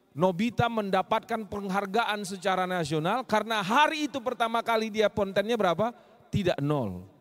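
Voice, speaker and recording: A man from Medan with a Medan accent, giving a lively mosque sermon that swings between loud punches and low asides. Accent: Medan Indonesian. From Medan, Indonesia. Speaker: preacher.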